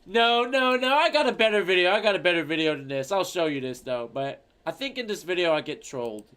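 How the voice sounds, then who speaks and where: A man's voice: sits high, animated, brisk, a bit bright, slight background noise. A man streaming, reacting to an old video of himself, rambling and swearing casually with a lot of fillers. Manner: rambling, profane, lots of fillers.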